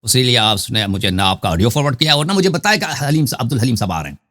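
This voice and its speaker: A man's voice: mid-range voice, very animated, fairly bright tone. A man hosting a heated live debate, pressing his opponent with insistent questions and cutting in. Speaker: show host in a debate.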